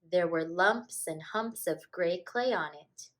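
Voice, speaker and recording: Her voice is on the low side as this woman teacher reads a kids' picture book aloud. She tells it deliberately and expressively, in true storytelling fashion.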